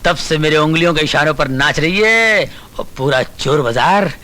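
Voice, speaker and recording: Piercing, brash film-comedy stockbroker. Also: male voice, a little high, normal speed, sharp tone. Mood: boastful. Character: brash, bossy, boastful male stockbroker and husband. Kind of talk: broad Hindi film comedy acting.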